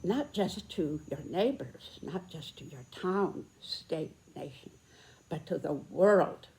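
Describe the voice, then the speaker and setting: A woman in her nineties with an American accent, giving reflective spoken commentary in a deliberate, earnest way with emphatic phrasing and pauses. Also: low-pitched, lively intonation, a little mellow. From United States. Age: 90s, very old. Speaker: video host, personal commentator.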